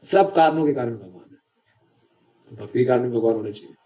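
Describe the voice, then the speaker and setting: A man's voice: medium pitch, expressive, a little fast. A man giving a devotional lecture, chatty and often checking that the audience follows. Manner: conversational, checks understanding with the audience. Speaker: preacher. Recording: dull lo-fi lecture recording.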